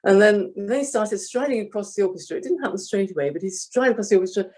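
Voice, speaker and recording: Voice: medium pitch, fast, a little mellow. An older orchestral flutist telling stories in an interview, hesitant and self-effacing, chuckling often, on a video call. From Britain. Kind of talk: anecdotal interview storytelling.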